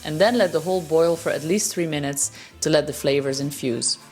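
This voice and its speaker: Woman, cooking host, lower pitch, steady instructional delivery, faint background music. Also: a little fast. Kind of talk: recipe instruction.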